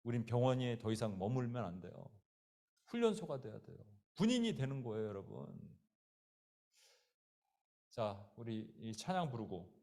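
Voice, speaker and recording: In a mellow, medium-pitched, sing-song voice, a pastor preaches at normal speed, pausing often. He narrates stories vividly with acted-out voices in the quotes and addresses his hearers, including a child, by name.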